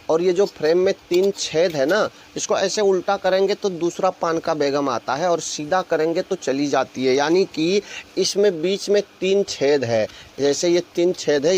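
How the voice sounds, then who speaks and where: A man with a somewhat high voice explains magic tricks informally. He goes step by step, describing each movement of his hands as an instructor would. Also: measured pace, darkish tone. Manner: instructional, talking through each hand movement.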